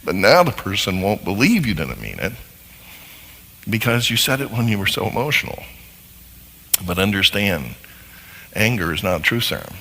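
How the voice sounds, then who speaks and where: A man giving a seminar talk to a live audience, animated and acting out little scenes as he explains. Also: deep voice, big-room sound, poor audio. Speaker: marriage seminar speaker.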